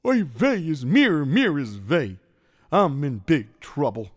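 A man's voice: fairly high pitch, wildly swooping pitch, slow pace, heavily acted. A man voicing a bumbling, fretful worker who speaks, lamenting and stammering. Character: bumbling hapless male worker, fretful and clumsy.

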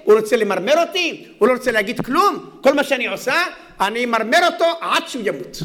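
A man's voice: very high voice, animated, fairly bright tone, slight background noise. A man voicing a fed-up middle-aged wife who rants indignantly about her stingy husband. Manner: indignant, complaining rant.

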